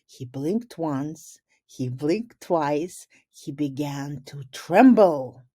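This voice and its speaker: A woman reads a picture book aloud in a fairly low, relaxed, slightly rough voice, taking her time deliberately. Like a teacher, she pauses to give children brief explanations. The recording is dry.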